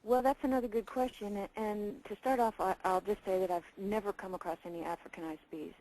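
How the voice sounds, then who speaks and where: A woman who does bee removals answering a question calmly and reassuringly, with small restarts. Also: mid-range voice, a little fast, a little hiss or hum, low-quality recording. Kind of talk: webinar answer.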